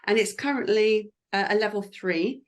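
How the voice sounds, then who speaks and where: A woman's voice: mid-range voice, normal speed. A woman who works as a lip speaker, chatting in an encouraging way about the job in an interview, with frequent fillers. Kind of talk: careers advice interview.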